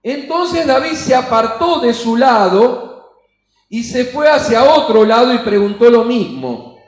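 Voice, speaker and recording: Man, Argentine Spanish accent, pastor, high voice, echoey church room. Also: very animated, measured pace. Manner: emphatic, acts out quoted voices. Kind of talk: sermon.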